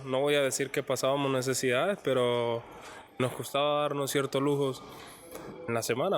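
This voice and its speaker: A young man with a Colombian accent, speaking earnestly and haltingly in a documentary interview. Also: medium pitch, a bit bright. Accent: Colombian Spanish. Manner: halting, repeats words, earnest. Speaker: professional footballer.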